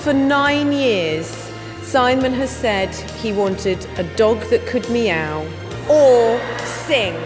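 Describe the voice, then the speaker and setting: A woman judging a talent show, speaking in an excited, expressive way. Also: a little high, slow. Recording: live theater with loud crowd and music.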